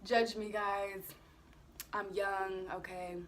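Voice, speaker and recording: A woman's voice: mid-range voice, flat delivery, slow, a little hiss or hum. A woman in her twenties answering questions in a candid, chatty vlog, swearing casually and laughing often. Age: 20s. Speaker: vlogger.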